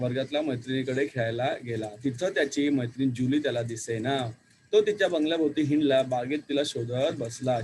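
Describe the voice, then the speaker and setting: A man's voice: medium pitch, slight background noise. A man teacher reading a story aloud to his pupils, breaking off with questions to the class. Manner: animated storytelling with asides to pupils.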